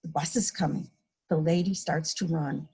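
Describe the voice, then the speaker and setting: A woman with a low-pitched, gravelly, dark voice and a breathy edge reads a picture book aloud to little children at a moderate pace, her intonation fairly even. As a mother serving as guest reader, she explains simply and acts out sound effects playfully at story time.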